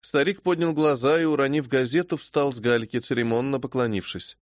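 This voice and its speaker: A man narrating an audiobook in a measured, even reading. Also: medium pitch, no echo, clean studio sound. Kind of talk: scripted narration.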